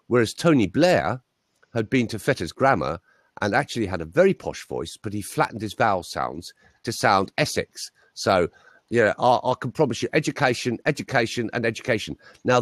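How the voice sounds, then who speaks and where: A man's voice: on the low side, normal speed, no echo, studio quality. A man, a voice coach, telling anecdotes in a casual interview chat over a video call. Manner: lively anecdotal storytelling.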